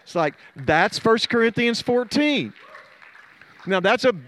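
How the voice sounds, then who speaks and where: A middle-aged pastor preaching a sermon, telling stories earnestly and dropping to soft low tones. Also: male voice, expressive, takes it slowly.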